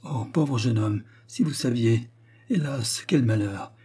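A man's voice: medium pitch, slow, mellow, breathy edge. A man reading aloud voices a fussy village pastor's wife who laments in a flustered way. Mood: lamenting.

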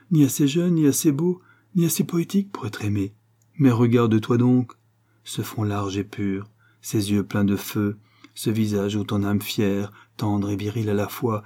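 A man voicing a tearful, passionate young wife. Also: darkish tone. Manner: raised pitch, breathless whispered phrases. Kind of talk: audiobook reading.

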